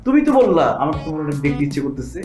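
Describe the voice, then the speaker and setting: A man's voice: a little high, sing-song, rapid-fire, a little mellow, soft background music. An actor playing a cheeky young man who sneaks in to see his girlfriend, talking playfully and boastfully. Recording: roomy echo.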